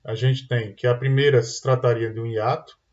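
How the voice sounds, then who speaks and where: Speaking at a moderate pace, a man with a Brazilian Portuguese accent explains an online exam-prep lesson step by step in a mid-range, darkish voice with little pitch movement. He keeps checking in with "tá?" and "né?", and the recording sounds dull and lo-fi.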